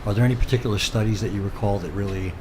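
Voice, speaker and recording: A man, a college dean, hosting a radio interview with professors and talking casually, with many pauses and fillers. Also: on the low side, fairly even intonation, background noise.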